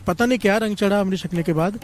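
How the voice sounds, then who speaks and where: Male preacher, high-pitched, devotional storytelling sermon with call-and-response over faint background music. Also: fast talker. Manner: leads call-and-response with the congregation. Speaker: Sikh preacher.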